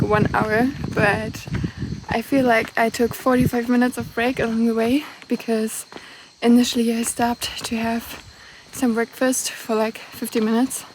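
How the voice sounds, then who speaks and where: A young woman talking casually to her camera while hiking a mountain trail outdoors, chatty and quick to laugh. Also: fairly high pitch. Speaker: travel vlogger. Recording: outdoor noise behind voice.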